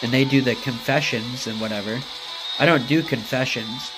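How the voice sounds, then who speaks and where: A man's voice: medium pitch, moderate pace, low-quality recording. A man chatting on a game stream, rambling and cursing as he answers his chat. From United States. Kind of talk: casual live-stream chat while gaming. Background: music.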